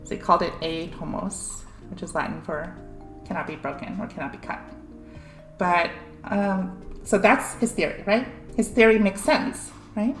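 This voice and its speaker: A woman's voice: lowish voice, moderate pace. A young woman streamer casually explaining science, laughing often and filling her talk with "like" and "um". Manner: giggly, full of "like" and "um" fillers. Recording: echoey room, faint music behind.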